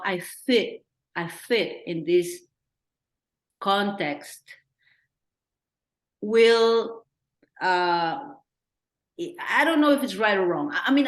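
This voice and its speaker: A middle-aged woman from Peru with a Peruvian accent, talking earnestly as a director in a Q&A and thinking out loud with restarts. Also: mid-range voice. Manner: earnest, thinking aloud with restarts and acted-out quotes. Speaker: documentary director. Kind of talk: Q&A discussion. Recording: roomy echo.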